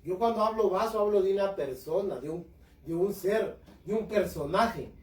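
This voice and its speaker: A man's voice: sits high, moderate pace, darkish tone. A man preaching a sermon, speaking with impassioned fervor and calling his listeners brothers. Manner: impassioned, addresses congregation as brothers. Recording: echoey room, voice far from mic.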